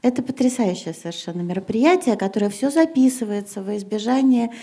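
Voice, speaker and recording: A middle-aged woman teacher speaks on a panel before an audience in a gymnasium hall. Her voice is a little high with a dark tone and a slightly fast pace. She hesitates with many fillers, then presses her points emphatically.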